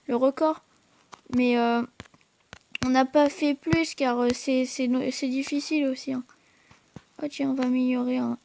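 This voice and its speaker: Brief: high-pitched woman host, casual gameplay commentary, hesitant and filler-heavy, talks straight to viewers. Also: a little mellow, slight background noise. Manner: hesitant, full of fillers and restarts; chatty, addresses viewers directly. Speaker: gaming channel host.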